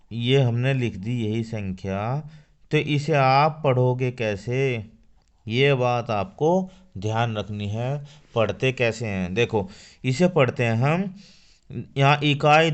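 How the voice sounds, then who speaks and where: A man teaching a school maths lesson to children. He asks questions and answers them himself. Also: mid-range voice. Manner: addresses children directly.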